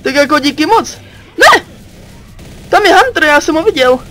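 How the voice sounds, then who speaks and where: A man's voice: very high-pitched, lively intonation, bright, forceful tone. A teenage boy from Czechia giving let's play commentary, jumpy, yelping and cursing at enemies. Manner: jumpy, yelps and curses at enemies. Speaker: gaming channel host.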